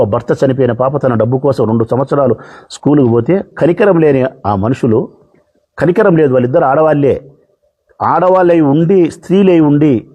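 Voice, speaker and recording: A man's voice: medium pitch, warm tone, slightly rough. A man speaking as a politician, addressing the press in an impassioned, repetitive way. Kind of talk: public speech to press.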